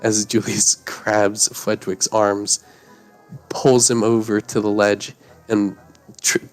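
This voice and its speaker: A man narrating the actions of his characters in a live role-play stream, in steady, plain phrasing. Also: on the low side, slow, soft background music.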